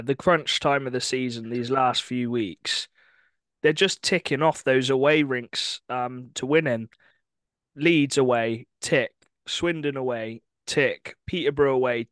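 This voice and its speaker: Chatty young man, smooth voice. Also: fairly high pitch, fairly bright tone, no echo. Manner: chatty, enthusiastic, quick asides and laughs. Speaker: podcast co-host. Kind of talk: casual sports chat.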